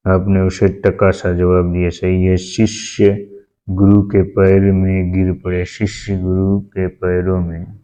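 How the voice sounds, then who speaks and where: A man with a very low, flat, mellow voice teaching an exam practice lesson. He reads each question slowly and repeats the correct answer several times. The recording sounds dull and lo-fi. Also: smooth. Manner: slow, repeats answers aloud.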